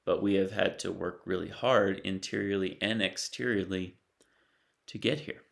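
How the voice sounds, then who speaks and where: A middle-aged man speaks in an unhurried, reflective way with a deep voice. His gravelly tone stays flat and even. He leaves long pauses between phrases. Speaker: spiritual teacher. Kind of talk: slow reflective talk.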